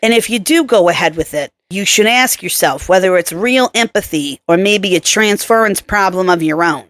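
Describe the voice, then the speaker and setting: A woman narrator voicing a gruff older male psychiatrist with a nasal New York accent, blunt and wisecracking. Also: medium pitch, expressive, normal speed, a bit bright, no room sound, lightly acted. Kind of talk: audiobook character voicing.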